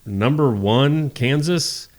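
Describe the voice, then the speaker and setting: A man co-hosting a radio show with casual joking banter, often halting and circling back. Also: mid-range voice, a little mellow. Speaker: morning radio co-host.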